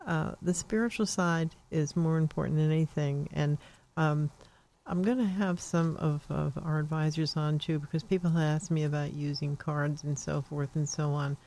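On a low-quality recording, an older woman speaks in a low, mellow voice with fairly even intonation at a normal speed. Hosting a psychic call-in radio show, she rambles chattily and uses many fillers.

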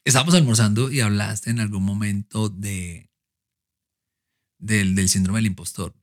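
Male interview host, relaxed and conversational, reflective questions. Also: lowish voice, moderate pace. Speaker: podcast host. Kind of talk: casual interview chat.

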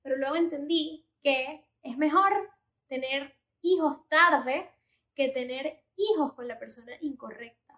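A woman's voice: high voice, fairly bright tone, echoey room. A woman in her thirties giving earnest, encouraging life lessons in a confiding personal monologue. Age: 30s. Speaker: motivational vlogger.

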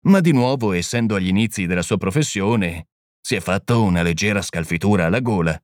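A man reading the part of a small, gentle priest-detective who explains things calmly and patiently. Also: low-pitched, a little fast, no echo, clean studio sound, close to an everyday voice. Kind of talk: audiobook reading.

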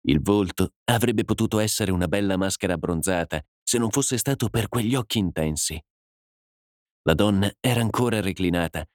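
Low-voiced Italian man reading a story. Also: a little mellow, no room sound, studio quality. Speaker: audiobook narrator. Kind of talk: scripted story narration.

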